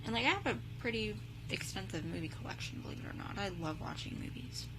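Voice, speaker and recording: A young woman vlogger reacts to a video, chatting fast in a medium-pitched voice. She rambles, packing her talk with "like" and "um". A steady hum runs in the background.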